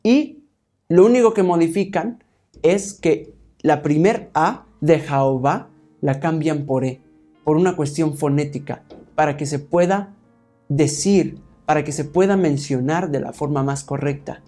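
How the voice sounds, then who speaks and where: With faint music behind him, a preacher speaks a little slowly in a dark-toned voice that sits on the high side. His Bible teaching proceeds step by step, with "hermanos" as his form of address and frequent "¿sí?" checks with the congregation.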